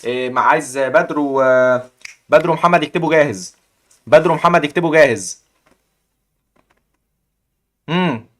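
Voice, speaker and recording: A young man with an Egyptian accent hosting a live chess puzzle contest, excitedly cheering the players on. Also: on the high side, moderate pace, pauses often. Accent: Egyptian Arabic. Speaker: chess stream host.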